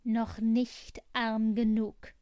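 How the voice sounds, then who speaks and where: A woman voicing a bold, vengeful little male sparrow that shouts its threats in a storybook reading. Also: on the high side, level tone, very slow, dry recording, clean studio sound. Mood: defiant.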